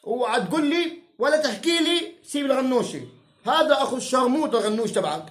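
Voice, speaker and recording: Palestinian guy ranting mad at the camera, cussing and mocking, kinda high voice, echoey room. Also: animated, quick pace, fairly bright tone. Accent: Palestinian Arabic. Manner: heated, insulting and profane, mocking. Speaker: self-styled political commentator. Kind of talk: angry rant to camera.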